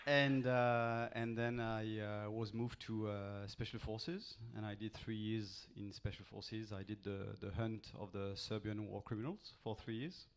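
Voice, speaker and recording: A middle-aged man with a French accent and French as his first language, answering an interviewer haltingly with many pauses and restarts. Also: fairly low pitch, flat delivery, smooth. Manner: hesitant, many ums and restarts. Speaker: author guest. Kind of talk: live on-stage interview.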